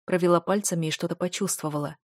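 Female narrator, first-person novel, steady reading, dry close sound. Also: on the low side, fast talker, no echo. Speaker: audiobook narrator.

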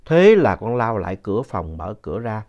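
A man narrating a ghost story in a conversational, lively way with asides to the listener. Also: lowish voice, moderate pace. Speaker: story reader. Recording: dull lo-fi sound.

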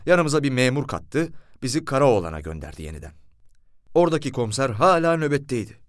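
A man narrating an audiobook story in an expressive, storytelling manner. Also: mid-range voice, fast, no echo, studio quality. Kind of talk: scripted narration.

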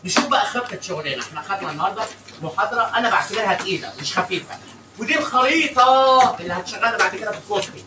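A man with an Egyptian Arabic accent giving a classroom lecture, animated and teasing, mixing English terms into his speech. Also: high voice, rapid-fire. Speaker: accounting lecturer. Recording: echoey room miked from a distance with background noise.

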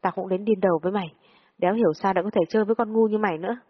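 A woman's voice: medium pitch, very fast, slightly rough, lightly acted. A woman voicing a furious, foul-mouthed older female friend who scolds and swears at a younger girl in a storybook reading. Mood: scolding. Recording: dull lo-fi audio with long reverb.

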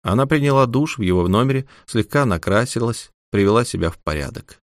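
A man's voice: medium pitch, lively intonation, brisk, dry recording, studio quality. A man reading scripted fiction as an audiobook narrator.

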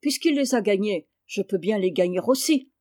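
Sullen ambitious schoolboy, voiced by a woman, mid pitch. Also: expressive, normal speed, a little mellow, no echo, studio quality, close to an everyday voice. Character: sulky ambitious schoolboy who hates farm work.

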